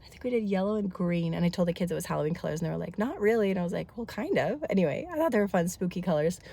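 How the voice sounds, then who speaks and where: A woman's voice: fairly low pitch, animated, racing, vocal fry, warm tone. A woman in her thirties chatting casually in a family vlog, congested from a head cold, talkative and rambling with lots of asides. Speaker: family vlogger.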